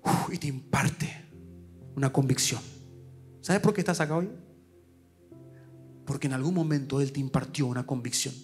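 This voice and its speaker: A male pastor with a Paraguayan Spanish accent, preaching a sermon at a church service, swinging from loud urgent calls to hushed asides. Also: mid-range voice, moderate pace, long pauses, soft background music.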